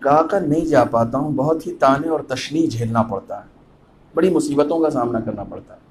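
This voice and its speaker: A man delivering a Muharram majlis sermon as a cleric, impassioned, chanting Arabic phrases slowly and swelling to loud cries. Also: medium pitch, a little hiss or hum.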